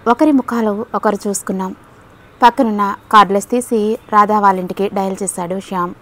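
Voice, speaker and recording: A woman storyteller narrating an audiobook story with an expressive, measured reading. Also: mid-range voice.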